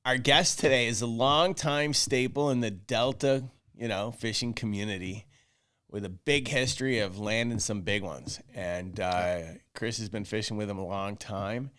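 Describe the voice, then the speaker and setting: A man's voice: lowish voice, fairly even intonation, normal speed, fairly bright tone, smooth. A man hosting a casual podcast, making announcements in a loose way with many restarts. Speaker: podcast host.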